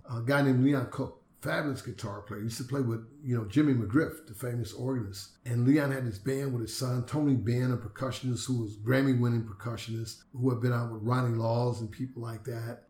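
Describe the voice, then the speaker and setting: A man, a jazz bass player, telling stories and acting out the voices of the people in them, laughing now and then. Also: darkish tone. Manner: acts out the voices of people he quotes, laughs often. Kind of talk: anecdotal storytelling. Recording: roomy echo.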